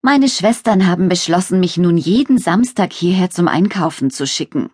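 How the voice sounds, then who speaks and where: A croaky little old witch, friendly and a touch scatterbrained, as a woman reads her in a children's audiobook. Her husky voice swings up and down in lively bursts, recorded close and dry. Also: lowish voice, moderate pace, no room sound. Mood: chatty.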